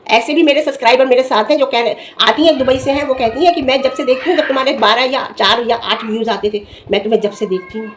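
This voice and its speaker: A woman's voice: a little high, quick pace, hardly any pauses, a little hiss or hum. A middle-aged woman giving heated, scolding commentary in a vlog, firing off rhetorical questions and challenges. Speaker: vlogger.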